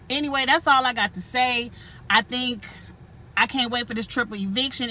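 A woman vlogger with a bright, forceful voice that sits a little high, talking straight to her viewers. She is blunt and cusses freely, laughing now and then as she runs through her casual commentary. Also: slight background noise. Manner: blunt, profane and outspoken, with frequent laughs. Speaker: channel host reviewing a reality show.

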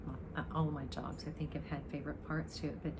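Low-voiced older woman, chatting casually. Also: little pitch movement, quick pace. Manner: rambling, reminiscing. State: dry throat. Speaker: amateur guitarist introducing a song. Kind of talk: casual chat to camera. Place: living room, indoors, on a sofa. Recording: clearly noisy home recording.

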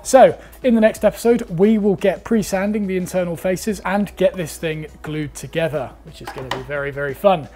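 A man's voice: high-pitched, normal speed, dark tone. A young man, teaching woodworking in a workshop, chatty and upbeat as he explains each step. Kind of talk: instructional talk.

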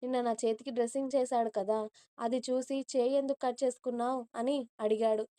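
A woman plays a bubbly young woman who talks fast and pleads with a coaxing lilt. Her voice is fairly high, warm and smooth. It is recorded close and dry for a storybook reading. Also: fairly even intonation, lightly acted. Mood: chatty. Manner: chatty, pleading, stammering when caught. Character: playful, nervous young woman.

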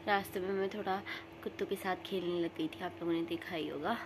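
A woman vlogger with a cold, talking softly and tiredly to the camera at home. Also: steady tone, fairly quick, background noise. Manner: soft, tired and low-key. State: sick with a cold. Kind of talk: casual vlog talk to camera. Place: at home indoors.

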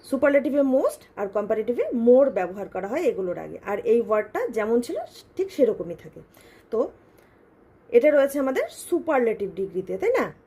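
High, breathy woman teaching grammar. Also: big pitch swings, mellow. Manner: patient, asks questions to students; reads English examples slowly. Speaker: English teacher. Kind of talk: grammar lesson.

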